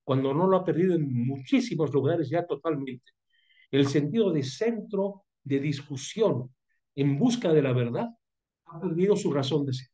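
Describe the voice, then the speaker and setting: A man's voice: a little high, mellow. Older man lecturing with a cold cough. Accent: Mexican Spanish. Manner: thoughtful, digressive, pausing and restarting phrases. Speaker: seminar leader. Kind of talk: university seminar lecture.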